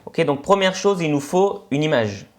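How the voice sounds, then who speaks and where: A man with a Senegalese French accent teaching a web coding lesson over a screencast, in a relaxed explanatory way full of "ok" and "euh" fillers. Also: on the high side, normal speed. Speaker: instructor.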